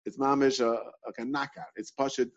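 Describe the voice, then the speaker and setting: A man's voice: mid-range voice, level tone, a little fast, lo-fi sound. Man teaching a Talmud class. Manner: repetitive, questioning, restarts often.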